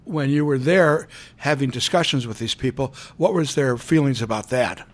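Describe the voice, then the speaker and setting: Man, radio co-host, questions and commentary, deliberate, medium pitch.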